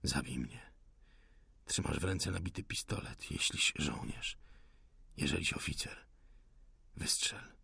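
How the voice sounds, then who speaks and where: Man playing a wounded rebel, weak husky whisper. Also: unhurried, pauses often, sharp tone, dry recording, full character voice. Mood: defiant whisper. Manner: faint hoarse whisper, low. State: in pain, weak. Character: wounded young insurgent soldier, defiant.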